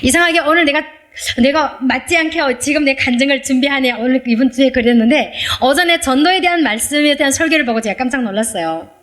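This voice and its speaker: A woman's voice: fast talker, fairly bright tone. Earnest woman pastor giving testimony. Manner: earnest, emotional storytelling with shifting pitch. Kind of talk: testimony sermon.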